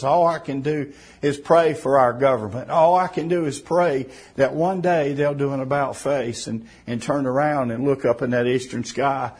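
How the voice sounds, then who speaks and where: A man preaching a sermon in a fervent way, rising to emphatic bursts and then dropping soft. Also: medium pitch, breathy edge.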